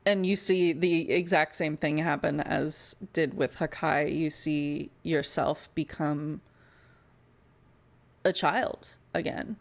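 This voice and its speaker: Woman, game master, slightly low voice, slow pace, descriptive fantasy narration. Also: fairly even intonation, vocal fry.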